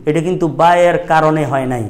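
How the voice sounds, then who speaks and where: A man's voice: on the high side, fairly quick. A middle-aged man, teaching a grammar lesson at a madrasa and quizzing his students with repeated questions.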